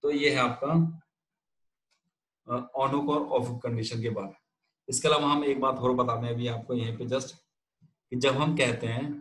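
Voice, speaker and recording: A man lecturing a class in a question-and-answer rhythm, posing a question and supplying the answer himself. His voice sits at an ordinary middle pitch for a man. He repeats key terms and keeps checking that the students follow. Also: a bit bright, poor audio. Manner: checks in with frequent "theek hai?". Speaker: telecom instructor.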